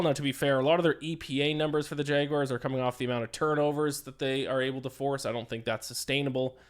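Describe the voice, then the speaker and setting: Tired man rambling through betting picks. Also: mid-range voice. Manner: rambling, distracted, frequent "uh" and "um". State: tired, yawning. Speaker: sports betting podcast host. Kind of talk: casual solo podcast commentary.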